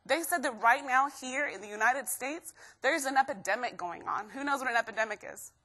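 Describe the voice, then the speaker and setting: A young woman from Guatemala gives a lively motivational talk to a room of students. Her voice is bright and forward, sitting a little high, and she keeps tossing questions out to the crowd. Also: brisk. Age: young adult. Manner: energetic, keeps quizzing the crowd. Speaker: motivational speaker.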